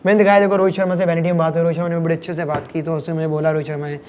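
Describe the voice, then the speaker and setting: A man in his late thirties from Haryana, speaking in a notably high register as an interview guest. He tells his stories in a lively, anecdotal way and slips into other people's voices. Soft music plays faintly underneath. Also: rapid-fire. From Kurukshetra, Haryana, India. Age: late 30s. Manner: animated anecdotal storytelling, acting out voices. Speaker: cricket commentator and guest. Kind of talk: podcast interview storytelling.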